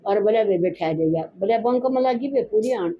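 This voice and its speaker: A woman's voice: medium pitch, normal speed. Haryanvi woman retelling a village story. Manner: animated retelling full of quoted speech and repeated fillers. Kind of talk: retelling a true village story in casual chat. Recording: dull lo-fi recording with faint noise.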